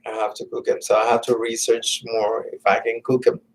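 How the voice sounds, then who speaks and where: A man in a casual, rambling vlog monologue, halting and meandering with many restarts, sometimes dropping to a muttered whisper. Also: mid-range voice, monotone, poor audio. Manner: drops to muttered, whispered asides. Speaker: vlogger.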